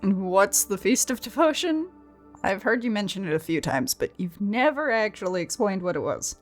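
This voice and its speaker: With a natural, very animated voice of medium pitch, a woman speaks at a moderate pace over faint music in an ASMR audio drama roleplay. She plays a sensible, patient young student with a wry streak, teasing her friend in a dry, level-headed way.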